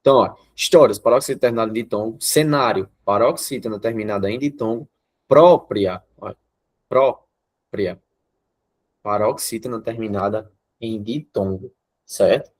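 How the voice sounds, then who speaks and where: A man's voice: lowish voice, normal speed, slightly rough. A man with a Brazilian accent teaching an online grammar class. He explains step by step and keeps checking in with his students. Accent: Brazilian Portuguese.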